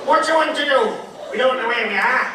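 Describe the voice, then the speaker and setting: Man doing a husband, high voice, bossy, exasperated, booming hall, loud crowd. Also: fast, far from the mic, very noisy. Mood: impatient. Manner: exasperated, barking orders. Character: impatient bossy husband on holiday.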